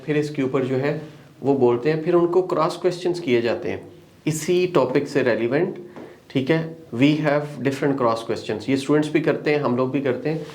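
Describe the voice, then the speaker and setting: A man with a middle-pitched voice presents his English institute's courses. He explains step by step and lists topics one after another. He mixes Hindi-Urdu with English phrases throughout. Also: darkish tone. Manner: explanatory, lists items, frequent "okay" checks. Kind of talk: promotional course walkthrough.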